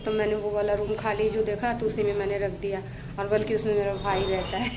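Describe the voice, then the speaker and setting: A woman vlogging at home and up on a wet rooftop, talking softly and hushed so as not to wake someone sleeping, filmed on a handheld phone. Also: mid-range voice, completely flat delivery, brisk, over music, poor audio. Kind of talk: casual home vlog.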